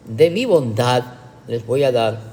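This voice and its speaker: A man's voice: mid-range voice, lively intonation, takes it slowly, mellow, long reverb tail. A man, a pastor, preaching a livestreamed teaching sermon in a sarcastic way, with emphatic rhetorical questions.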